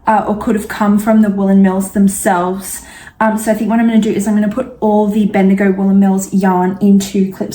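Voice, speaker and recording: A woman's voice: mid-range voice, dark tone, a little hiss or hum. A young Australian woman chatting casually in a knitting vlog, full of fillers and asides. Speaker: knitting vlogger.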